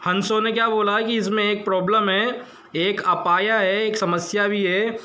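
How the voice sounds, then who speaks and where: A man's voice: high voice, steady tone, moderate pace, sharp tone. A man teaching a lesson, reading a text line by line and translating each word, with questions to the class about grammar.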